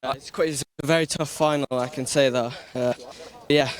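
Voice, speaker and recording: A man's voice: mid-range voice, steady tone, moderate pace. A young man who finished second, tired and hesitant, lost for words in a post-race interview. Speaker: second-placed driver.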